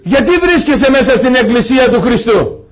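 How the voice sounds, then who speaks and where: A man's voice: extremely high pitch, expressive. A man preaching a sermon to a church congregation, firing off one rhetorical question after another. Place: church service before a congregation.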